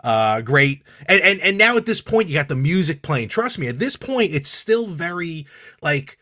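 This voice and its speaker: A man's voice: on the high side, big pitch swings, pushed and bright. A man co-hosting a podcast, chatting casually and enthusiastically, often cutting in to agree. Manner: enthusiastic, quick to agree and interject. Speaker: podcast co-host. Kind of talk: casual chat.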